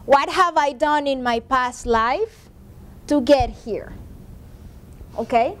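A woman in her forties with a high-pitched, slightly bright voice leads a professional development workshop for a seated class, taking things slowly. She speaks conversationally and often checks in with "right?". The classroom has a projector screen and is recorded by a far room camera.

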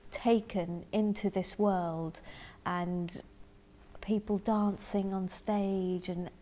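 A middle-aged woman from Zambia telling her life story in an interview, thoughtful and halting, often restarting her sentences, recorded close up in a dark room. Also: medium pitch. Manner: thoughtful, halting, with frequent restarts and soft asides. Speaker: interviewee in a community film. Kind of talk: reflective personal storytelling.

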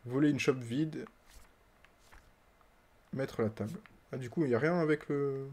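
Male streamer, mid-pitched, playful running commentary, chats with game characters. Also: unhurried, a little mellow. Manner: playful, laughs often, talks to game characters. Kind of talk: casual let's-play commentary.

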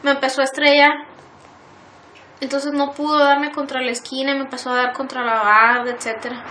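Woman interviewee, high and bright, earnest, halting delivery with frequent restarts. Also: little pitch movement, a little hiss or hum, low-quality recording. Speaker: interviewee recounting abuse. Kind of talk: emotional testimony.

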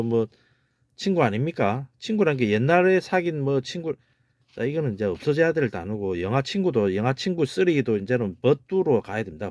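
A man's voice: medium pitch, a little mellow, no room sound. Emphatic man lecturing, dry close sound. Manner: emphatic, repeats words, asks rhetorical questions. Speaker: amateur language lecturer. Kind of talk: casual video lecture.

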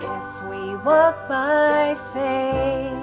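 A woman singing a slow worship song from home, part of a band recorded over video call. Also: high voice, animated, music in the background. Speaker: church band singer.

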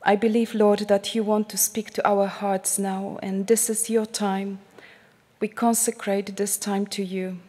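With a level tone and a mid-range voice, a sister from Poland addresses a congregation in a Polish accent, speaking slowly and from the heart and growing hushed, almost whispering, as she prays. The setting is a large church shrine. A headset mic captures her amid long church reverb.

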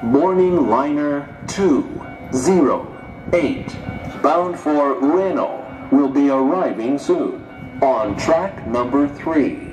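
A man announcing very slowly and deliberately over a station loudspeaker, his voice distant across the platform. It echoes strongly around the station, and music plays clearly behind him. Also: on the high side, lively intonation. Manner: slow, evenly spaced announcing. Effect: heard through a station loudspeaker.

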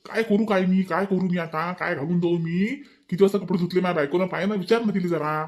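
A man voicing a bossy, petulant young husband in a cartoon, with a Vidarbha Marathi accent, nagging and repeating himself in rapid bursts. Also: high-pitched, steady tone, close to an everyday voice. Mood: whining. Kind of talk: cartoon voice acting.

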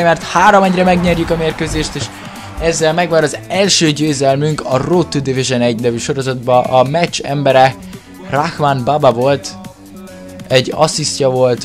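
Excitable Hungarian man calling a football game. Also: medium pitch. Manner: excitable, exclaims and stretches words during play. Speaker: gaming video creator commentating own match. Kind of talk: excited football gameplay commentary. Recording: music behind the voice. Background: music.

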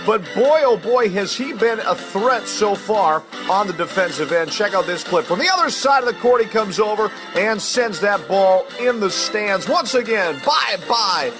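Mock basketball commentary comes from a man with a high, expressive voice at a moderate pace, delivered in a crude, grandiose announcer manner. The recording is noisy with game crowd, court sounds and a bouncing ball, plus music in the background.

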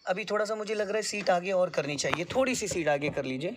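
A male driving instructor coaching a learner inside a car, patient and repetitive, giving step-by-step instructions with some gentle teasing. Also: high-pitched, quick pace, background noise.

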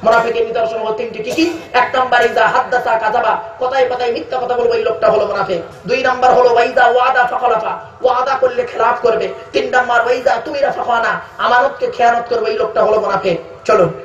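High-voiced Bengali preacher, echoey PA. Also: male voice, fairly even intonation, a bit bright, a little hiss or hum. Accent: West Bengal Bengali. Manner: chants Quranic verses slowly, calls listeners "baba". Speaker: preacher at a religious gathering. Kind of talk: waz sermon. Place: outdoor religious gathering on loudspeakers. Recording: echoey, distant, dull public address sound.

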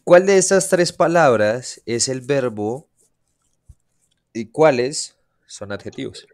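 A man's voice: medium pitch, animated, takes it slowly. A man teaching a class, explaining grammar and constantly asking his students questions to check they follow. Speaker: English teacher. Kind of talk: classroom lesson.

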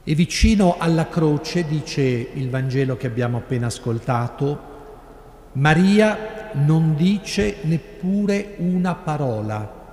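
A middle-aged man with an Italian accent, a priest preaching a sermon in slow, measured phrases with long pauses. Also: fairly high pitch, lively intonation, a little mellow. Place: large church sanctuary. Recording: echoey church with long reverb, live broadcast.

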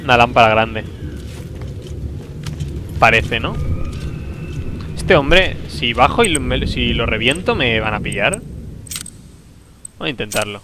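A man from commentating a video game he is playing, talking to himself, with a sore throat, excitable and prone to loud outbursts. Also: mid-range voice, slow pace, long pauses, background noise. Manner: excitable, talks to himself, bursts into loud exclamations. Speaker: gameplay commentator. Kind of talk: let's play commentary.

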